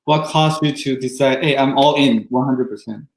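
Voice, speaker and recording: A man's voice: mid-range voice, moderate pace. A man co-hosting an interview, asking questions hesitantly with many ums and restarts. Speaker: podcast co-host. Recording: roomy echo.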